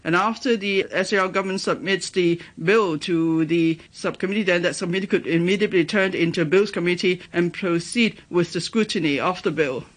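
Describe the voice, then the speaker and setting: A man giving a live interpreter voice, relaying a speech in a measured, halting way with some self-corrections. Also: high voice. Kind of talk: simultaneous interpretation.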